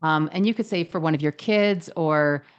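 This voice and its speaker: A woman's voice: sits low, moderate pace, clean tone, dull audio. A woman, a relationship psychologist, talking thoughtfully and asking probing questions in a casual conversation. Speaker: podcast co-host, relationship psychologist.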